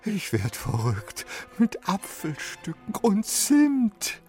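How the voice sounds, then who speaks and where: A man voicing a tiny, cheeky, greedy young male troll, with a shrill, squealing manner. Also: wildly swooping pitch, slow pace, warm tone, soft background music, exaggerated voice.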